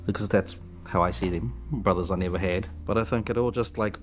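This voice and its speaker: A man, a band member speaking calmly and thoughtfully in a documentary interview. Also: deep voice, a little fast, slight background noise.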